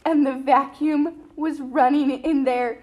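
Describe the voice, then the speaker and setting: A woman's voice: high-pitched, fairly even intonation, takes it slowly, a little mellow, a little hiss or hum. A woman playing a blunt, tired church member who complains, in an amateur church skit.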